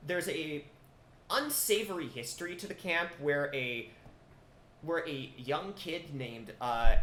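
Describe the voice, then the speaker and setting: A man's voice: medium pitch, a bit bright. A man co-hosting a podcast, chatting casually and enthusiastically about horror films, with lots of filler words. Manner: enthusiastic, quick, many fillers. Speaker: podcast co-host. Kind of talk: casual film discussion. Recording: echoey room with faint noise.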